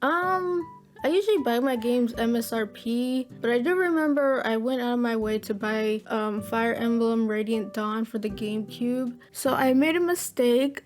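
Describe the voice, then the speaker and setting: A woman's voice: on the high side, a little mellow. An upbeat woman, chatting casually through a Q&A vlog as a gaming YouTuber, with a slangy style. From Florida, USA. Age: 20s. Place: at home at her computer.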